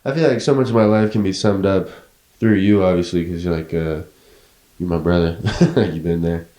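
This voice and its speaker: A young man hosts a loose, casual podcast chat in a low, mellow voice. He swears freely and laughs easily, and the room sounds roomy and echoey. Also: fairly even intonation, moderate pace. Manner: laid-back, swears casually, laughs often. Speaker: podcast host.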